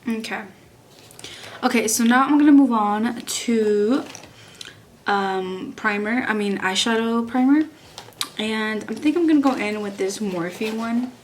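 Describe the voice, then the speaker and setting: A woman's voice: fairly high pitch, measured pace, a little hiss or hum. A young woman from Texas, chatting casually through a makeup review and rambling with lots of likes and restarts. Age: young adult. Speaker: beauty vlogger.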